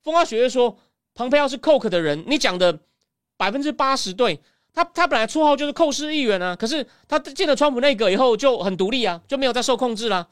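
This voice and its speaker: A woman's voice: on the high side, lively intonation, quick pace, clear, resonant tone, no room sound, clean studio sound. A woman host with a Taiwanese Mandarin accent giving chatty political commentary, stretching particles and restarting her sentences often.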